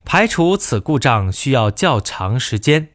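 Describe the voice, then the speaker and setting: Male reader, slow and formal, lively pitch, dry close sound; cabin-announcement lesson. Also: dry recording. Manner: measured, formal announcement delivery in two languages. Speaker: language course reader. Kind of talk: reading in-flight announcements aloud.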